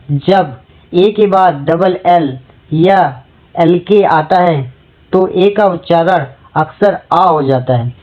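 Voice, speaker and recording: Slow teacher going over spelling rules, asks a question then answers it, repeats words, kinda muffled recording. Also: medium pitch. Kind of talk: spelling lesson in Hindi.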